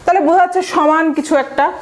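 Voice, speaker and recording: A woman's voice: extremely high pitch, steady tone, quick pace, background noise. A woman with a Bangladeshi accent teaching vocabulary for exam prep, mixing English phrases in and sounding out long words syllable by syllable. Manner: fillers and restarts, asks the viewer rhetorical questions. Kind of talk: online exam-prep lesson.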